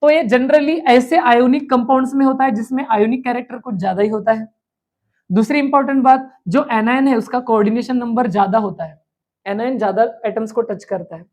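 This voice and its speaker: Brisk, high-voiced woman teaching chemistry. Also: darkish tone. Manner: asks students' questions aloud and answers them; repeats key terms slowly for emphasis. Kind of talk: exam revision lecture.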